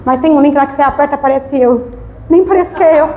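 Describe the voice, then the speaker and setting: A woman's voice: sits high, fast, roomy sound, a little hiss or hum, low-quality recording. A woman deaconess from Brazil, giving a testimony sermon and acting out conversations as she tells the story. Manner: animated storytelling, acting out dialogue. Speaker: deaconess preaching. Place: church service.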